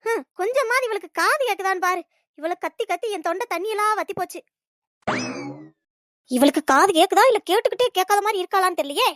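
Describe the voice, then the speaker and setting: Cartoon: woman voicing a sly, nagging old mother-in-law, very high and fast. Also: expressive, a bit bright, dry recording, studio quality. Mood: scolding. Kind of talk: cartoon comedy voice acting.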